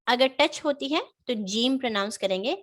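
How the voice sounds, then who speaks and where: A woman teaching a Quran reading lesson online. She explains patiently, with many fillers, and slowly demonstrates throat and tongue sounds. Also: on the high side, lively intonation, fairly bright tone.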